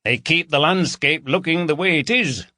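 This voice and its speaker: Voicing the same kind of hearty, teasing middle-aged Yorkshire police chief for an audiobook, a man raises his voice to a fairly high pitch above his natural one. He speaks at normal speed with a sharp tone, bantering in broad dialect, captured in clean studio sound with no room echo.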